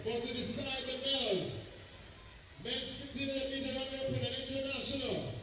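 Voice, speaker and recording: A man's voice: very high voice, steady tone, moderate pace, bright, forceful tone. A man working as a stadium announcer at a track meet, making projected, clipped calls over a PA system. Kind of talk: public address announcing and race calling. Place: outdoor athletics stadium. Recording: echoey stadium PA heard from a distance, with music.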